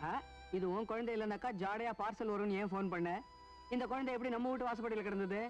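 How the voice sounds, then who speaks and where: A man's voice: sits high, fairly even intonation, quick pace, faint music behind, natural voice. An actor playing a teasing young roommate who accuses and mocks his friend, in a Tamil film comedy. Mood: accusing.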